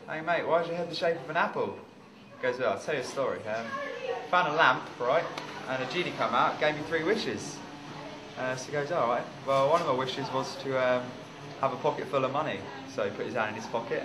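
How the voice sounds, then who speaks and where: A man telling a joke haltingly, with many ums and uhs. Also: medium pitch, background noise. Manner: halting, fillers. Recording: echoey room with crowd.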